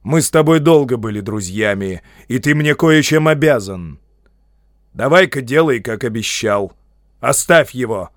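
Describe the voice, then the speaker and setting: A man reading an audiobook, voicing an old male wizard who speaks calmly and low, turning stern and commanding. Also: husky, no echo, studio quality, full character voice. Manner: calm, low, measured, then stern.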